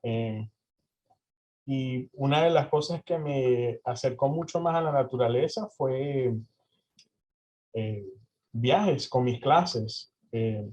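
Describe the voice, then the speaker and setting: A young man from Venezuela, an interview guest with a medium-pitched, dark-toned voice, answers questions hesitantly, with many fillers and restarts. The audio is slightly dull and lo-fi.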